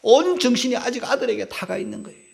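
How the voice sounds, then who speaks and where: A male pastor delivers an emotional sermon in a high, gravelly voice. His pitch leaps and falls dramatically, swinging from cries to hushed whispers as he seeks the congregation's assent. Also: expressive, fast.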